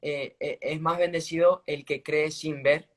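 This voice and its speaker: A man giving a casual faith testimony on a live stream, earnest and halting, restarting his sentences often. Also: a little high, steady tone. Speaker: guest sharing a faith testimony. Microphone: phone on a live video stream.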